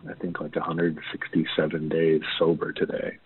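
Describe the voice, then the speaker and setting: A man leaving a reflective, measured voicemail about his own life. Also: a bass voice, monotone. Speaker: caller. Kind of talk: casual voicemail. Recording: tinny phone line.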